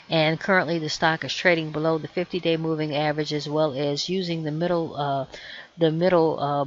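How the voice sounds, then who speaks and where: A woman with a hoarse, fading voice giving a measured, explanatory stock chart tutorial over a screen share, adding cautionary asides. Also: low voice, a bit bright, muffled recording. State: hoarse, losing her voice. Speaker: trading educator.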